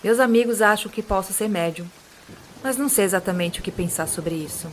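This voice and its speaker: A woman with a Brazilian Portuguese accent hosts a podcast, reading listeners' supernatural accounts in a calm, measured voice. Her pitch sits in the middle of the range. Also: slight background noise. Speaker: podcast host and reader of listener stories. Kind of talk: narrating true supernatural stories.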